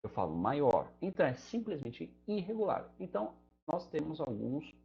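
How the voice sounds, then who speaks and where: A man's voice: on the high side, very animated, normal speed, vocal fry, warm tone, lo-fi sound. A man with a Brazilian Portuguese accent explaining grammar to students in a chatty, conversational way, often checking in with the listener. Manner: conversational, fillers like "né" and "tá". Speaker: English teacher.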